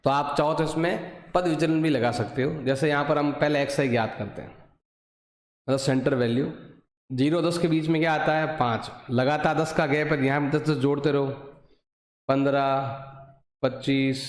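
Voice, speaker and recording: A man's voice: mid-range voice, fairly even intonation, moderate pace. A male math teacher with a Hindi accent explaining a lesson step by step, asking and answering his own questions. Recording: echoey room, voice drifting from the mic.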